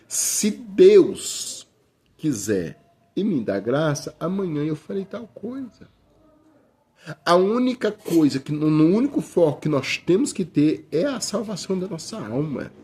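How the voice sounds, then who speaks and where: On the high side but darkish and husky, this middle-aged Brazilian man's voice carries a Brazilian Portuguese accent. He preaches informally and conversationally, repeatedly calling people "brother" and often starting over mid-thought.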